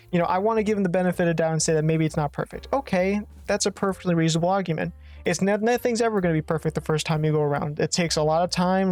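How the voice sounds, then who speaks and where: Slightly raspy, medium in pitch, and darkish in tone with no echo, this young adult faceless gaming YouTuber delivers a casual, profane rant. The speech rambles, with frequent mid-sentence self-corrections.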